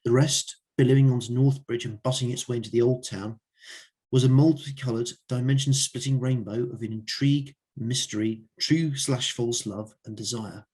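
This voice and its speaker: A man's voice: medium pitch, fairly even intonation, normal speed, darkish tone, husky. A man reading his own fiction aloud at an open mic night in a wry storytelling manner.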